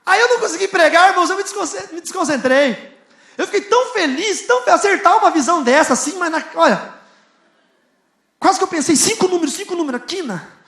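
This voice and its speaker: A man preaching a sermon in a large church, telling a story with laughter and rising to shouts. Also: extremely high pitch, lively intonation, a little fast. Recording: echoey church hall.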